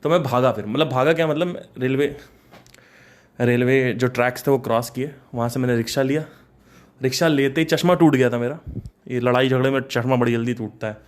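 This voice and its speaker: This young Kanpur man, with a mid-range voice and a slightly fast pace, shares something that happened to him. His telling is relaxed and lively, sprinkled with English and laughter.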